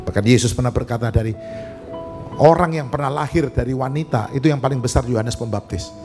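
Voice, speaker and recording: A man preaching at a church service, moving between lively storytelling and playful questions put to the congregation. His voice sits at an ordinary mid pitch, and soft music can be heard behind him. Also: fairly quick. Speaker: pastor. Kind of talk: sermon.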